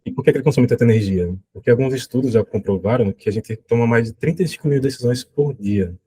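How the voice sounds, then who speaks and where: A young man from Aracaju gives a relaxed design conference talk, often tagging sentences with "né?". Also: mid-range voice, fast, slightly rough. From Aracaju, northeastern Brazil. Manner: relaxed, frequent "né?" tag questions. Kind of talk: casual presentation talk.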